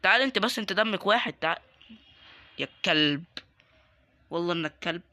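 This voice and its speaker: A young man with an Egyptian Arabic accent commentating his game, excitable and joking as he taunts other players. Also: high voice, fast. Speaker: gaming YouTuber. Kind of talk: live Roblox gameplay commentary.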